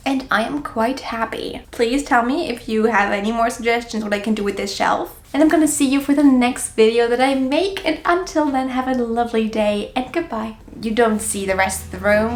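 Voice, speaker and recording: A woman chatting casually to camera as a vlogger, gushing and informal, with self-deprecating asides. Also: fairly high pitch. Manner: gushing, effusive about the books she likes. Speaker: book vlogger hosting her own video. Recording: clear background noise, clicks.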